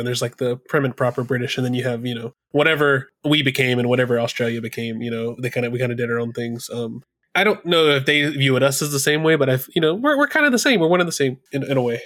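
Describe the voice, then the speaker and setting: A man's voice: mid-range voice, quick pace, fairly bright tone, dry recording. An American man co-hosting a casual talk show, loose and joking, full of fillers and tangents. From United States. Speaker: podcast co-host. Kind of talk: casual chat.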